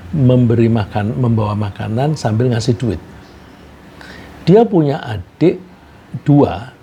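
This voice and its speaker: A man preaching a sermon, telling a cautionary story in a measured way and posing rhetorical questions. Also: medium pitch, vocal fry, mellow, slight background noise.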